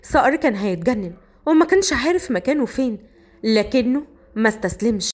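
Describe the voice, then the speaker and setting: A woman with an Egyptian accent narrating a dramatic story in a lively telling. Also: a little high, brisk.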